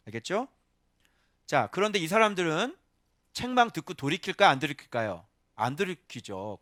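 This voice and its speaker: Animated Korean pastor preaching, lively pitch. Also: male voice, dry recording, studio quality. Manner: animated preaching with acted-out voices and sudden shouts. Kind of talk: sermon.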